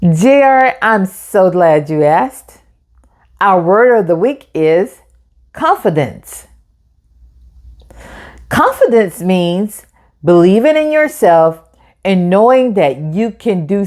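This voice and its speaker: Her voice is on the low side with a darkish tone as she leads a children's read-aloud storytime. Like a teacher, she draws the young audience in by asking them direct questions.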